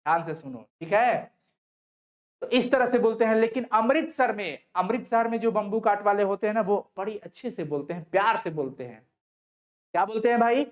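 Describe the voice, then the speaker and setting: A young man teaching a Hindi story in an online class, repeating his own questions and answering them, reassuring students as he goes. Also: high-pitched. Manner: reassuring, coaxing students to listen.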